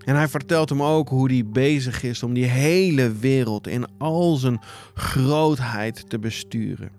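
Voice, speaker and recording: A man giving a devotional Bible retelling as a preacher, speaking in a slow, dramatic storytelling style with long pauses. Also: medium pitch, a little mellow, faint music behind.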